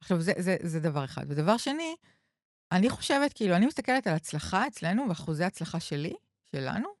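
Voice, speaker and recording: A woman's voice: lowish voice, very animated, dry recording, studio quality. A woman who works as a couples counselor talks on a podcast in a hesitant way, often stopping and restarting her sentences. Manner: hesitant, many fillers and restarts. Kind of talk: podcast conversation.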